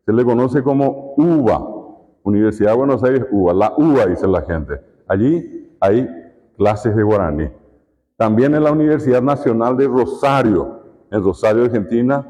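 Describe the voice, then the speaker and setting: A man's voice: on the low side, warm tone. A man with a Paraguayan Spanish accent giving a conference lecture as a university lecturer, explaining with repeated examples and rhetorical questions. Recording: echoey hall, dull lo-fi sound.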